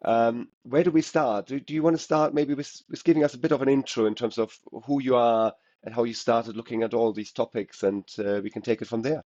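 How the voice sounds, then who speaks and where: Hoarse, muffled man hosting a podcast. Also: medium pitch, warm tone. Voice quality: hoarse voice from a cold. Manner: halting, stumbles over words. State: has a cold. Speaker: podcast host. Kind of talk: conversational podcast introduction. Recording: muffled, roomy lo-fi sound.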